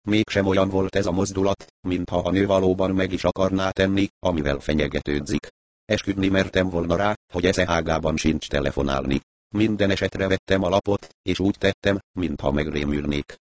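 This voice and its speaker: Male audiobook narrator, very deep, wry and dry delivery, close, dry recording. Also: no echo. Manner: dry, wry, even storytelling. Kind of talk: first-person novel narration.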